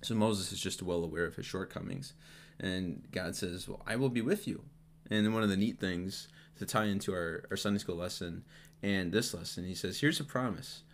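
Low-voiced man casually teaching Bible stories. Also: normal speed. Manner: relaxed, joking, acts out quotes. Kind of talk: casual Bible study chat.

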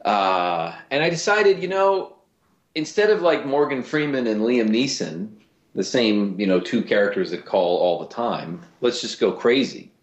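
Man with a low voice, roomy lo-fi sound. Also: a little slow. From Cleveland, USA. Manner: animated, with frequent restarts. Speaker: guest, voice actor. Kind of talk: casual interview talk. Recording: roomy lo-fi recording.

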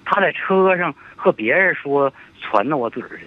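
A man's voice: on the high side, expressive, moderate pace, no echo. A man of seventy calling in to an advice show, hesitant and troubled as he talks. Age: 70s. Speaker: caller. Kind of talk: phone-in call. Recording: tinny phone line.

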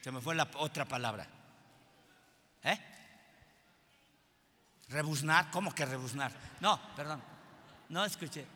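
A pastor preaches with passion, his high voice climbing into fervent shouts before dropping into chatty asides. His tone is piercingly bright and forceful. The sound carries a long reverb from a church hall. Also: a little slow, long pauses. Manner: passionate preaching that swings between shouted peaks and quiet asides. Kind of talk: sermon.

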